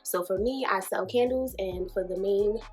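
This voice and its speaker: A woman talks viewers through a casual how-to tutorial in a chatty, friendly way, calling them y'all. She sounds a little out of breath, and her voice sits in a middle pitch. Faint music plays softly behind her. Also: moderate pace. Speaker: small business owner teaching a tutorial.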